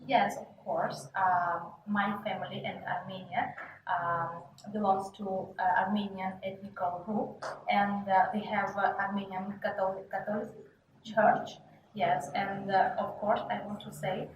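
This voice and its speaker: A woman answers questions hesitantly, pausing often with fillers. She sounds far from the mic in an echoey room, with a dull, muffled tone and a noisy background. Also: medium pitch, flat delivery. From Russia. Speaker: interviewee.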